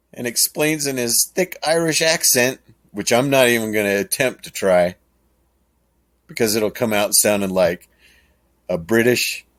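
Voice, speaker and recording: A man hosting a podcast, talking casually in a rambling, chuckling way. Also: lowish voice. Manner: rambling, chuckling, slow and drawn out. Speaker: podcast host. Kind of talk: casual monologue.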